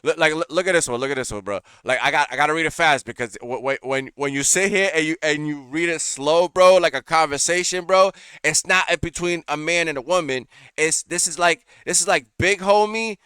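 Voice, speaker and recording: Slangy, animated young man reacting. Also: fairly high pitch, brisk, few pauses, smooth, no echo, clean studio sound. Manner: animated, slangy, repeats himself. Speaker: reaction streamer. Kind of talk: casual reaction commentary.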